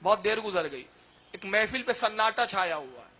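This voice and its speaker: A man's voice: high-pitched, expressive, bright, forceful tone, breathy edge. A man preaching a sermon, telling a story dramatically with acted quotes. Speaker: religious speaker.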